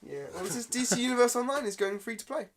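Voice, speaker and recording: A man co-hosting a casual podcast chat, jokey and excitable. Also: very high voice, quick pace, crowd noise. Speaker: podcast co-host.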